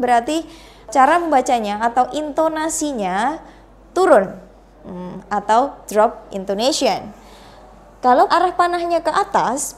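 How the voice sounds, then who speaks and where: A young woman with an Indonesian accent teaches an English pronunciation lesson, switching between languages. Her voice sits a little high, and she stretches drilled examples slowly to stress rising and falling intonation. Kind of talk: bilingual classroom lesson.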